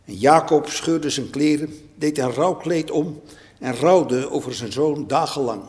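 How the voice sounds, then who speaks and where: A man leading a church service, praying and reading scripture in a measured, solemn way. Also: mid-range voice. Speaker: worship leader. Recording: long church reverb.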